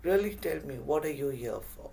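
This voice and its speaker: A man's voice: fairly high pitch, expressive, normal speed, gravelly, a little mellow, slight background noise, pitched above the performer's own voice. A man playing a cheerful wise guide. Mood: curious, teaching. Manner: patient, probing questions. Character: bright, cheerful wise older male guide.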